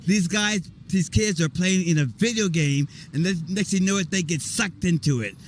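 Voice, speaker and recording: Man, actor, rambling and excited, slightly high voice, faint background noise. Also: normal speed. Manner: excited, rambling, spells things out. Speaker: actor guest. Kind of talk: casual street interview. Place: outdoor volunteer event.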